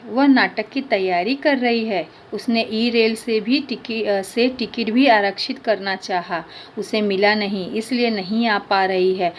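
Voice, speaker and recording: A woman's voice: medium pitch, a little hiss or hum, lightly acted. A woman teacher voicing a kind father reassuring his son.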